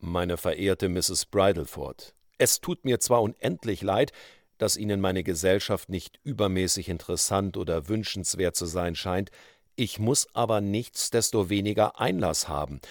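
A suave male outlaw speaks low and unhurried, calm and quietly threatening, as a man puts him on. The sound is dry and close. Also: no echo. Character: smooth menacing male outlaw, coolly persuasive.

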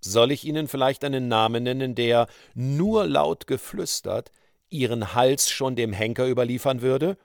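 A man voicing a smooth, menacing male outlaw who speaks low, slow and suave. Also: lively intonation, no room sound, studio quality.

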